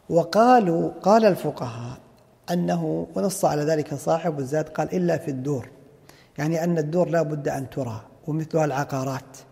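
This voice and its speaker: A man's voice: on the high side, gravelly, dark tone, in a large hall. A man teaching Islamic jurisprudence, explaining a classical text and asking and answering his own questions. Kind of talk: explaining a fiqh text in a lecture.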